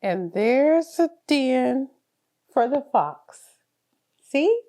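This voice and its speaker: A woman reads a picture book to very young children, her voice sitting high with big pitch swings and a mellow quality. She goes extremely slowly, sounding sing-song, encouraging and child-directed throughout.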